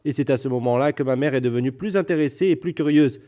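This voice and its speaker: Mellow man telling his story. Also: mid-range voice, fast talker. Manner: lively storyteller acting out quoted people. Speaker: interview guest. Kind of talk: personal storytelling.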